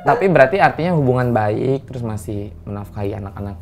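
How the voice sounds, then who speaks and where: Low, fast-talking, pitch-swinging woman talk-show host who jokes and acts out quotes. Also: a crowd in the background. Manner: animated, teasing, acts out quoted dialogue. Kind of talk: casual joking chat. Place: studio.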